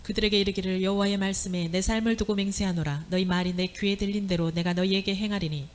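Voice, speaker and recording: Woman reading scripture at a quick pace. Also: medium pitch, fairly even intonation, a little hiss or hum. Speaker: scripture reader.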